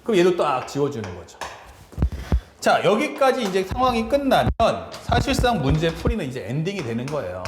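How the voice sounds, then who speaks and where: A man teaching math in a lively lecture and acting out characters' lines as he explains. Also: on the high side, brisk. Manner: animated, acts out characters' lines in quotes. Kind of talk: lively lecture with acted-out family dialogue. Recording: echoey room with clear background noise.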